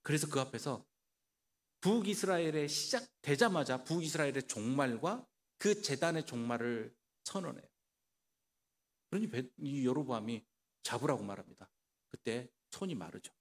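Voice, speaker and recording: A man's voice: medium pitch, expressive, normal speed. A male pastor preaching a sermon in a church. He asks the congregation rhetorical questions and acts out the voices he quotes. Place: church sanctuary. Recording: reverberant church hall.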